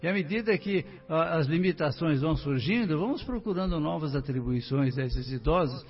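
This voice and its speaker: A man's voice: on the high side, lively intonation, normal speed. An older man from Brazil, a guest on a radio talk show, telling his life story and talking straight to the listeners. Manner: warm storytelling, addressing listeners directly. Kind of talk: casual radio interview. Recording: muffled distant radio studio mic.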